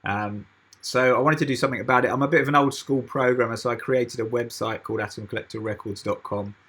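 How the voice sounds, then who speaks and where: Husky-voiced Englishman in an online interview. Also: mid-range voice, fast talker. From United Kingdom. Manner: relaxed, hesitant with many ums. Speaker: guest, music label founder. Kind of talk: casual interview over voice chat. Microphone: computer mic through browser voice chat.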